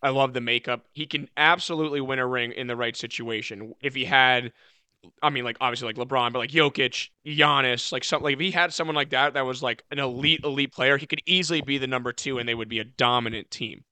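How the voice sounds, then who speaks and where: Podcast co-host, male, bright crisp voice, loose rambling sports chat. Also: medium pitch, steady tone, fast talker, no room sound. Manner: rambling, self-correcting, many "like" fillers.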